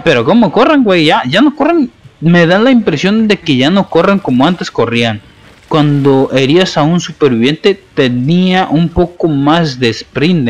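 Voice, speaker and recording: A man with a Mexican accent commentating his own gameplay live, taunting his opponents with playful trash talk. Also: on the high side.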